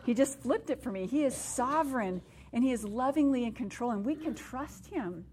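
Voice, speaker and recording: A middle-aged woman preaching a sermon at a women's gathering, earnest and emotional, dropping to hushed tones and rising when excited. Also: a little high, normal speed. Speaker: women's conference speaker. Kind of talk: sermon with personal story.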